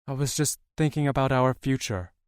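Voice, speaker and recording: A man's voice: mid-range voice, normal speed, clear, resonant tone, no echo, clean studio sound, voice pushed up, natural voice. A man doing a light-voiced young shifter. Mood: fond, playful. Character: young male shifter, loving and playful.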